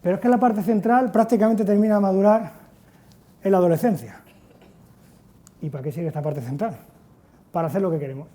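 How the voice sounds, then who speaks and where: A man, giving a lively talk at an education conference. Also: high voice, brisk, pauses often. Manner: lively storytelling, acts out quotes loudly. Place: conference hall.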